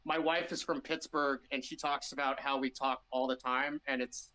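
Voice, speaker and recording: Bright-voiced Midwestern man, rambling chat. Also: medium pitch, steady tone, moderate pace, poor audio. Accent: Midwestern American. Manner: rambling, restarts often, laughs easily. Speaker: band member guest. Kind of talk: casual interview chat.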